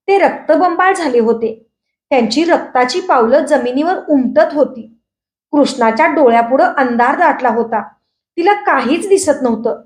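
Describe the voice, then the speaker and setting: A woman with a Marathi accent reading a short story aloud, expressive and dramatic. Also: high voice. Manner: expressive, raises voice for characters' shouted lines. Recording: roomy echo.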